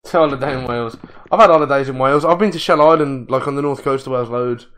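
A man commenting on his own gameplay, muttering to himself, swearing and getting excitable. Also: medium pitch, racing. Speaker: let's play gamer.

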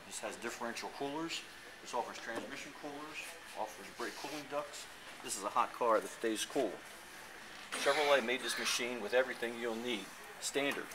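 A man giving an enthusiastic dealership sales pitch for a car, reciting specs in a showroom, recorded on a handheld camera. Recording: noisy showroom ambience.

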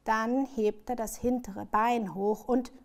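A woman author reading her children's book aloud in a lively, expressive storyteller's manner. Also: on the high side, slow pace.

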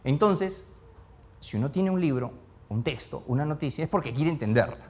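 A man leads a live classroom lesson on speed reading, his voice rising and falling in a lively, animated way. He pitches a touch higher than most men, and he keeps tossing questions to the group with quick tag questions like a checking teacher. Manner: peppers speech with "¿ya?" and "¿no?". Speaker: speed-reading course instructor.

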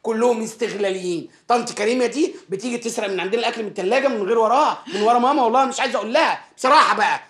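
A man's voice: very high-pitched, rapid-fire, few pauses, a bit bright. An actor with an Egyptian accent playing a spoiled, childish grown man who whines and sulks. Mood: whiny sulking. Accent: Egyptian Arabic. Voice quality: whiny, sulky. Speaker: lead actor in a comedy series. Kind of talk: sitcom acting.

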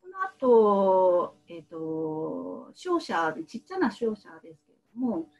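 A woman in her thirties who works as a medical translator, answering interview questions in a soft, hesitant way with many fillers. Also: medium pitch, big pitch swings, slow, low-quality recording.

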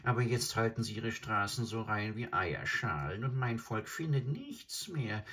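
A man voicing a proud, fussy male crane who croaks out pompous complaints. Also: lowish voice, expressive, a little slow, pushed and bright, pitched above the performer's own voice, heavily acted.

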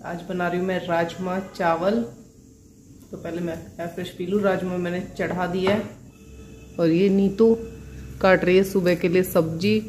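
A woman's voice: lowish voice, fairly even intonation, unhurried, darkish tone, a little hiss or hum. Chatty woman vlogging from her kitchen. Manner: chatty, playful, laughs often, coos at her kids. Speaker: vlogger and mother. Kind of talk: casual home vlog chat. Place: home kitchen.

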